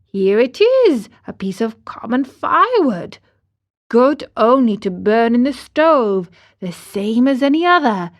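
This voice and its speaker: A woman's voice: medium pitch, lively intonation, slow. A woman voicing an old, easily scared carpenter who mumbles to himself in a storybook reading. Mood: frightened. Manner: mumbling, nervous bravado.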